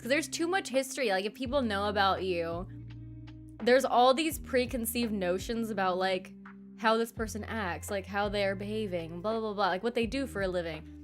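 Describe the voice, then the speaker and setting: A young woman streamer in casual, animated chat, reading her live chat aloud and laughing often. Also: medium pitch.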